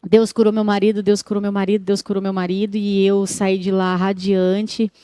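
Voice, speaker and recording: A woman's voice: medium pitch, moderate pace, clear, resonant tone, no echo, clean studio sound. Woman telling a faith testimony. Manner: lively storyteller who acts out dialogue. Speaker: guest sharing a faith testimony. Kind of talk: personal testimony in a TV interview. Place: TV studio.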